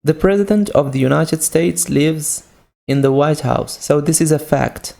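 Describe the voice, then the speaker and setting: A man's voice: a little high, unhurried, gravelly, warm tone. A man with a Moroccan accent teaching English grammar, patiently repeating each point with example sentences. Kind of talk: slow grammar lesson.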